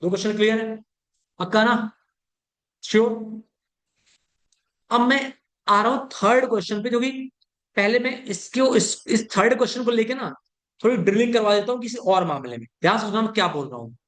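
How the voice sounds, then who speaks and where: Delivering a classroom chemistry lecture, this male teacher has a voice that sits high and sounds a bit bright. He repeatedly asks whether students follow, drops in English terms, and alternates slow dictation with faster explanation.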